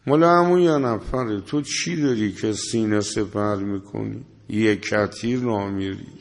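A man preaching a sermon, scolding his listeners with rhetorical questions and quoting Arabic verses. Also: on the low side. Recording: long hall reverb.

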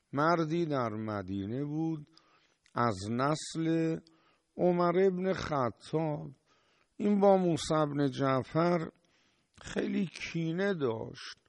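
A man preaching, his voice gravelly with a steady mid pitch. He retells a story and lifts his voice hard at the key moments. The sound is close and dry, with no room around it. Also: no room sound. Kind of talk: sermon storytelling.

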